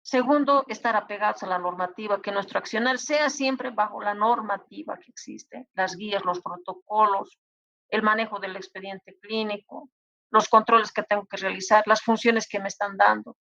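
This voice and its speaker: A woman's voice: mid-range voice, steady tone, moderate pace, gravelly, bright, forceful tone, no room sound, dull audio. A woman lecturing medical students, giving advice and acting out exchanges between colleagues. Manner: advising, acts out colleagues' dialogue. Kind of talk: university lecture.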